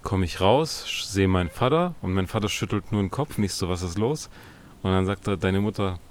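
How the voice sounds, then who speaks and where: Man telling a lively story. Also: low voice, fairly quick, slight background noise. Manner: animated anecdote, quotes his parents in dialogue. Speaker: podcast co-host. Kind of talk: casual chat, storytelling.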